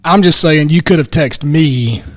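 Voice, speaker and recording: A man's voice: on the high side, a little slow, a bit bright. A man co-hosting a casual podcast, complaining and joking with the other hosts. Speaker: podcast co-host.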